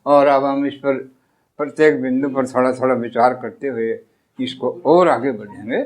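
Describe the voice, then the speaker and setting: A man teaching a grammar lesson, explaining step by step with pauses, reading out example sentences, with occasional hesitant restarts and filler sounds. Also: medium pitch, steady tone.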